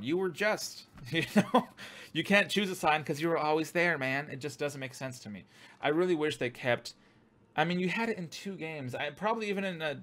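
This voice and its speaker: A man's voice: a little high, a bit bright. A man hosting his own gaming channel, giving a casual, rambling opinion monologue full of fillers, restarts and swearing.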